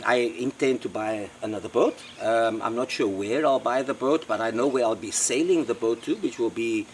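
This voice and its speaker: A man's voice: mid-range voice, a little hiss or hum. Rambling South African man. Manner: rambling, repeats words, many fillers. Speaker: interviewee, local host. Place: outdoors by a river in the Amazon.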